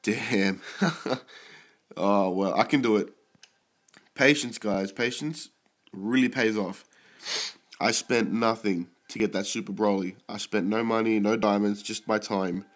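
Pausing often and speaking at a measured pace, a young man with a lowish voice casually goes over his mobile game pulls. He's ill, clears his throat repeatedly, and gets excited and swears at good results.

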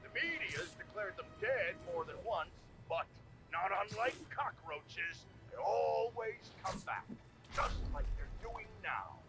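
High-pitched, pompous veteran newsman. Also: big pitch swings, slow pace, vocal fry, over music, heavily acted. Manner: bombastic, boastful broadcast delivery. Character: pompous, self-important veteran male newsman. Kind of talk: radio rant in a video game.

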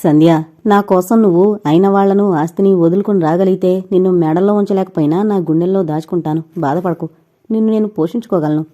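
A woman's voice: on the low side, a little fast, dark tone, natural voice. A woman voicing a heartbroken young man who pleads and accuses, in an audio novel. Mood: pleading, anguished. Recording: dull lo-fi recording.

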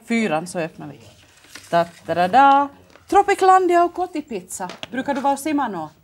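A bright, fairly high woman's voice with a Finland Swedish accent, swooping up and down as she hosts a children's TV show. She coaxes the kids along with cheerful, sing-song questions. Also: animated. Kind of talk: lively children's TV hosting. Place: local TV studio.

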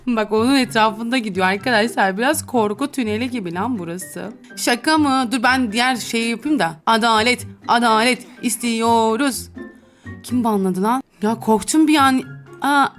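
Young woman streamer, high bright pitch, teasing and giggly, faint music under her. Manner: playful and teasing, laughs often, swears casually. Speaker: gaming YouTuber. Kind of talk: casual game commentary.

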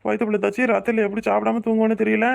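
A man's voice: high voice, completely flat delivery, rapid-fire, gravelly. A man voicing a young, poor husband in a cartoon, soothing and reassuring his wife. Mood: tender. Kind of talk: cartoon voice acting.

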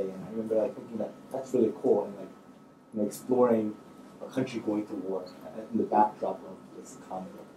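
A man in his thirties with a fairly low, dark voice speaks informally and hesitantly as a screenwriter on a public-talk panel, thinking out loud. He's seated on an indoor auditorium stage, and the recording is roomy and distant with faint noise.

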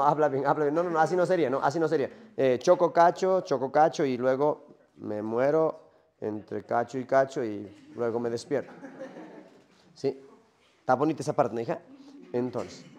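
A man's voice: fairly high pitch, darkish tone, natural voice. A man acting out a lonely male Minotaur who longs for death, speaking in a rambling first-person monologue full of rhetorical questions.

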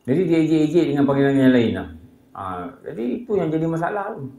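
A man's voice: fairly high pitch, animated, quick pace, warm tone. A man with a Malaysian Malay accent giving a casual religious lecture, telling humorous anecdotes and acting out the voices of people in them. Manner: humorous storytelling, acts out voices of people in his stories. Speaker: religious teacher. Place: prayer hall. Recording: echoey prayer hall.

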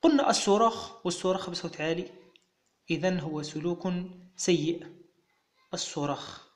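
A man with a Moroccan Arabic accent, a teacher patiently walking young pupils through exam answers step by step. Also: high-pitched.

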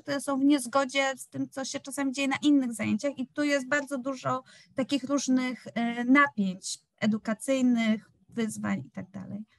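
High-voiced woman academic, reflective. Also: dry recording. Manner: reflective, hesitant with frequent fillers. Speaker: academic panelist. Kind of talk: panel discussion.

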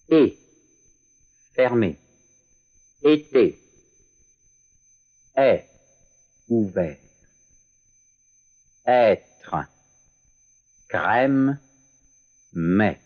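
A man reading a French pronunciation drill word by word, enunciating each sound with careful pauses. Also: on the low side. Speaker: language course narrator. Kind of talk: slow, deliberate pronunciation drill. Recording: dull lo-fi course audio.

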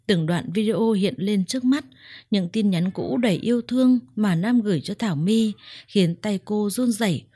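A woman telling a family drama story in steady, scripted narration. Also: mid-range voice, slightly rough, dry recording, clean studio sound.

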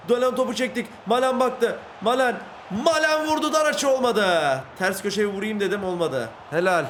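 A man with a high voice calls his football video game live, from a room at home late at night. He yells at and scolds his players when they mess up, then sinks into muttering. A faint background hiss sits under his voice. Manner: shouts and scolds players, swings between yelling and muttering. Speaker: gaming YouTuber.

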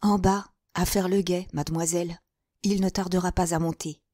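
A woman's voice: fairly low pitch, fairly even intonation, normal speed, warm tone, no room sound, clean studio sound, close to an everyday voice. Woman narrator playing a bustling middle-aged jailer's wife, fussy, motherly. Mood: fussing. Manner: fussing, exclaiming, motherly. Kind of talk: audiobook character reading.

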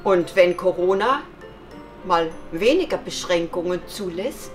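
Animated, slow-telling woman storyteller. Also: fairly low pitch, faint music behind. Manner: expressive, dramatic, speaks directly to children. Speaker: children's storyteller. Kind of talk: kamishibai storytelling for young children.

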